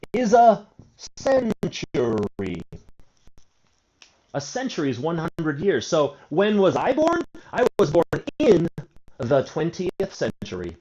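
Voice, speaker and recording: A man in his forties teaches an English grammar lesson, posing questions and answering them himself while drawing out key words. His voice is fairly high and a little mellow, and the recording is dull and lo-fi.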